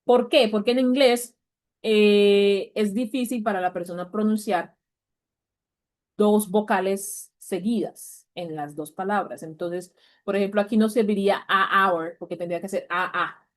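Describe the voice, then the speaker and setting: Woman, language teacher, steady patient classroom explanation, mid pitch. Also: measured pace. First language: Spanish. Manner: patient, repeats points, checks in with "vale?". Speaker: English teacher.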